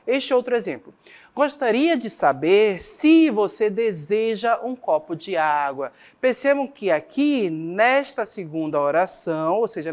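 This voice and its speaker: A female teacher with a Brazilian Portuguese accent teaches grammar in a medium-pitched voice. She explains patiently and frequently checks in with her class.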